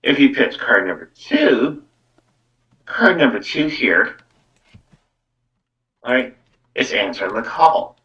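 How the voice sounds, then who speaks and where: With big swings in his medium-pitched, fairly bright voice, this male psychic medium host speaks slowly and pauses often. He rambles through casual card-reading talk on a live online stream, repeating fillers like "actually" and "though." The audio comes from a muffled, distant mic.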